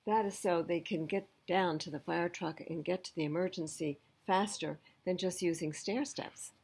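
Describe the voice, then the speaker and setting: Here a woman with a lowish, mellow voice, touched with vocal fry and a breathy edge, reads a picture book aloud as a children's library storyteller. At a moderate pace and with fairly even intonation, she adds simple explanations for her young audience.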